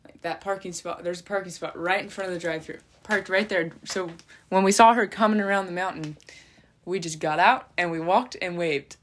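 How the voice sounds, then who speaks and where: A woman's voice: fairly low pitch, brisk. A young woman co-hosting a casual comedic chat, rambling and giggly, cracking jokes as she goes. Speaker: co-host.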